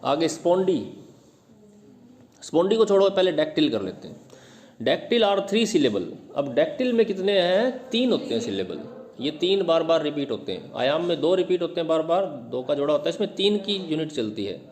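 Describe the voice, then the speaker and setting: Man, teacher, patient explainer, drills example words, a touch high-pitched. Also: very animated, a little mellow. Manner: repeats words slowly to show stress, mixes English reading into Hindi explanation. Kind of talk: explaining English literary terms.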